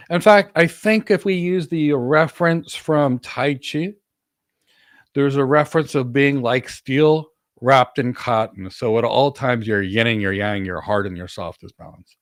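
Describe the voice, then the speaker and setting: In a dry, studio-quality recording, a man with a mid-range voice coaches through an informal Q&A as a career coach and host answering the audience. He's assertive and emphatic, driving points home by repeating key words.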